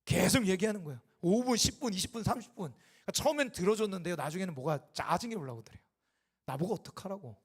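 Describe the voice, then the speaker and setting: A man preaching a Sunday sermon as a pastor, building to impassioned loud peaks and falling back to quiet, and acting out the dialogue in his stories. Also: high-pitched, lively intonation, very fast, slightly rough. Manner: acts out quoted dialogue in the telling. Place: church sanctuary.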